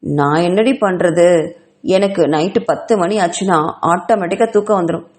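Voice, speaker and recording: A woman's voice: lowish voice, normal speed, a little mellow, natural voice. A woman reads a lazy, jealous young student from a spoken storybook. She talks in an offhand, mocking way.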